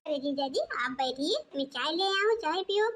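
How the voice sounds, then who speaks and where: A woman's voice: high-pitched, animated, normal speed, a bit bright. A woman voicing a scheming young daughter-in-law in a cartoon, sweet-talking and sly.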